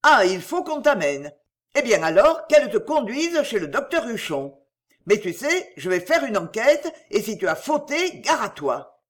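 A woman voicing a harsh male factory director who shouts and scolds a young worker in a storybook reading. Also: mid-range voice, big pitch swings, normal speed, hardly any pauses, natural voice. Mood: angry. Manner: barking, scolding.

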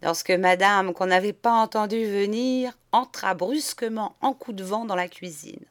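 A woman narrating a novel in a steady, clear storytelling voice. She reads evenly at an ordinary pitch, in a scripted audiobook delivery. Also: normal speed. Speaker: audiobook reader.

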